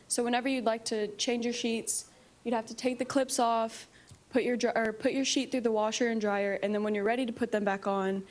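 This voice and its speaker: A young woman presenting a rehearsed startup pitch as part of a team in a meeting room. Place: meeting room, standing before seated judges.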